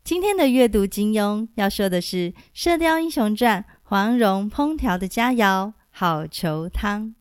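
Slow, measured woman storyteller. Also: medium pitch, no room sound, studio quality. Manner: measured, clear, gently expressive. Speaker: storytelling teacher and host. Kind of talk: scripted storytelling narration.

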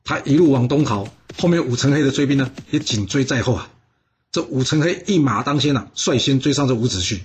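A man telling a history story in a lively way, putting on voices for the characters and asking his listeners questions. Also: mid-range voice, a little fast, a little hiss or hum. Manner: asks listeners rhetorical questions.

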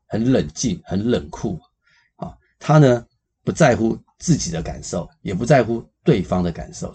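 A man's voice: on the low side, husky. A man, hosting a psychology podcast and explaining with everyday examples. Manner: animated, gives everyday examples, many fillers.

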